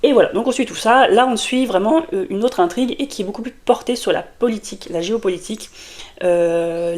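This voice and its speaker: In a casual book vlog, a woman reviews a fantasy novel to camera, her medium-pitched voice carrying a darkish tone. A cold has left her with a sore throat, and she rambles chattily, using many fillers and restarting often.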